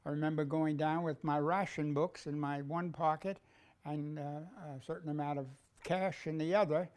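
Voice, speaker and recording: A man's voice: a little high, steady tone, moderate pace, darkish tone, clean tone. An older man from Brooklyn, recalling wartime in a matter-of-fact way. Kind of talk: oral history recollection.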